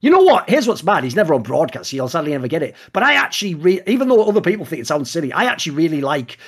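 A man's voice: on the high side, very animated, very fast, breathy edge. A man in casual podcast chat, talking bluntly and swearing freely as he rants.

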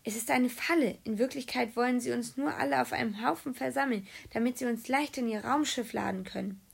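A woman voicing a frantic young schoolboy who shouts in panic in a children's audiobook. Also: on the high side, brisk, creaky, breathy edge, heavily acted. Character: shrill agitated schoolboy Timo, panicky.

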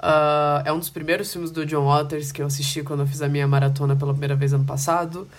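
A man's voice: fairly high pitch, flat delivery, fast talker. A Brazilian man co-hosting a film podcast, talking in a casual, informal and enthusiastic way. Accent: Brazilian Portuguese.

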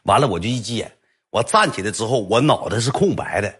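A man with a Northeastern Mandarin accent telling a comic story on a livestream, animated and colloquial. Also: fairly low pitch, quick pace, faint music behind. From Northeast China. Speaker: storyteller streamer.

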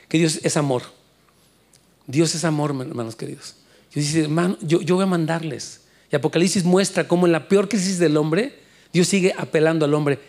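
A man preaching a sermon in Spanish, fervent and rising high and loud when he urges his listeners. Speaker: pastor.

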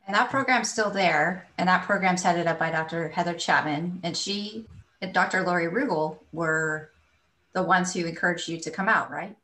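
A woman hosts a casual interview, prompting her guest and backing him with soft mm-hmms. Her voice is fairly low for a woman and sounds set back from the microphone. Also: moderate pace, far from the mic, low-quality recording. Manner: supportive, lots of soft mm-hmms. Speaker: podcast host.

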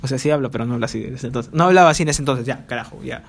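A man's voice: mid-range voice, very fast, vocal fry. A man rambling through childhood stories on his podcast, swearing freely, mocking himself and piling up fillers. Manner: crude swearing, chatty, self-mocking, many fillers. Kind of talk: rambling storytelling monologue. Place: home, recording alone.

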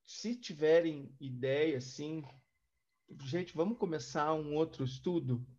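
A man's voice: fairly high pitch, a little slow, warm tone. A man leading a group study session, affectionate and exclamatory as he wraps up. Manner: affectionate, exclamatory, reacts with "nossa". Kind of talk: casual group chat. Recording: dull lo-fi sound.

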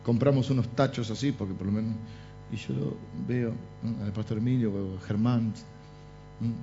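A man's voice: mid-range voice, normal speed, gravelly. A middle-aged man with a Rioplatense Spanish accent, preaching in a church and telling humorous stories with jokes and asides. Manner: animated storytelling with jokes and asides. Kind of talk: humorous sermon anecdotes. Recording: dull lo-fi sound with faint music.

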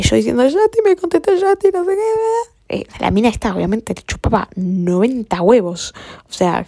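A woman's voice: mid-range voice, vocal fry, darkish tone, slightly rough, no echo, studio quality. A young woman with an Argentine accent tells a story in a casual, chatty way. She swears a lot, uses plenty of slang and often drops to a whisper. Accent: Argentine Spanish.

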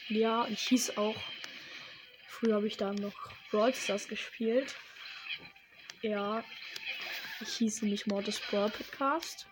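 A woman giving casual, hesitant, self-deprecating gameplay commentary, recorded in low quality straight into a tablet's built-in microphone. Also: fairly even intonation, slow pace, pauses often, background noise. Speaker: gaming streamer. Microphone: built-in tablet microphone, no separate mic. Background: music.

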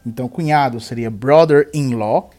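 A man with a Brazilian Portuguese accent teaching English vocabulary, slowly repeating each word for the learner to echo. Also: mid-range voice, warm tone, faint music behind. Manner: slow, deliberate drilling of words and phrases. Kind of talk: language lesson with repeat-after-me drills.

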